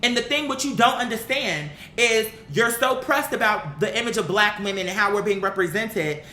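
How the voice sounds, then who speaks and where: Speaking at a moderate pace with a sharp tone, this online commentator rants casually and bluntly at viewers, airing opinions, cursing freely, and hammering points through repetition. A roomy echo and faint rumble sit in the background.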